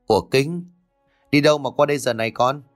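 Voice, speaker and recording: A man's voice: mid-range voice, a little fast, soft background music, voice pushed up, close to an everyday voice. A man voicing a blunt, hard-drinking older uncle who scolds coarsely. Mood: teasing.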